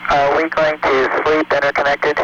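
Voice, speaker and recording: A man's voice: on the high side, completely flat delivery, moderate pace. A man speaking as an astronaut over a crackly space-to-ground radio link, in terse, procedural radio talk. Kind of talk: air-to-ground radio exchange. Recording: muffled radio with loud static hiss.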